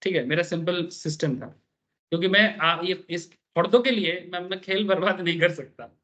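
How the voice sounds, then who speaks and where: A man with a high, sharp-toned voice teaches a business law class at a normal speed. He chats and tells stories, asks the students questions, and mixes in English terms.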